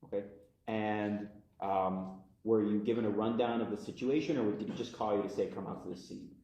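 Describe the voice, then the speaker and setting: A man questioning a witness as prosecutor in a measured way, heard in a courtroom recording. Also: on the low side, steady tone, dark tone. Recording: echoey courtroom audio.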